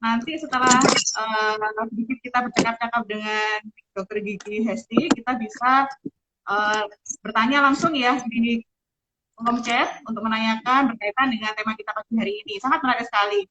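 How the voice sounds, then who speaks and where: Female live-stream host. Slightly high pitch, speech filtered through a face mask, courteous and conversational. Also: normal speed, pushed and bright, lo-fi sound, slight background noise. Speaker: host, doctor. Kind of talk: live-stream interview hosting. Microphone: speaking through a face mask on a live video call.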